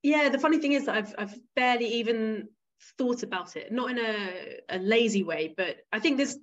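A football club chief executive from the Isle of Wight, England, speaks frankly as an interview guest, often restarting her sentences. Her voice is fairly high and her pace moderate, with the high frequencies cut off.

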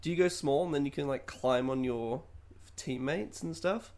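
A man's voice: fairly high pitch, moderate pace, a little mellow. A man co-hosting a casual podcast chat, rambling and laughing often as he trails off mid-thought. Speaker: podcast co-host. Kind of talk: casual chat about games and films.

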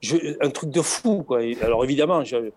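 A man's voice: medium pitch, lively intonation, a little fast, a little mellow. Expansive man with a southern French accent. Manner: expansive, lots of restarts and repeated words. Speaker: guest, former race logistics organizer. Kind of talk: casual interview chat.

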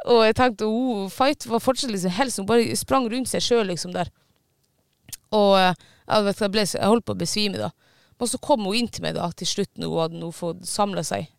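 A man telling a story in casual chat, animated, swearing now and then and pausing often on fillers. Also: high voice, creaky, clear, resonant tone, no room sound, studio quality.

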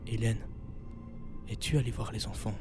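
A man's voice: fairly low pitch, flat delivery, moderate pace, music in the background, close to an everyday voice. A man doing an eerie phone caller. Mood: menacing. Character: chilling anonymous male caller on the phone.

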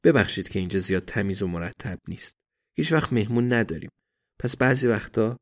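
A man voicing a composed, sharp-witted woman in an audiobook, in a calm, measured way. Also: fairly low pitch.

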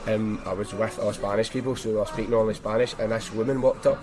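A man's voice: on the low side, fairly even intonation, quick pace, poor audio. Man with a strong Glaswegian Scottish accent. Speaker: podcast host. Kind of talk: casual anecdotal chat.

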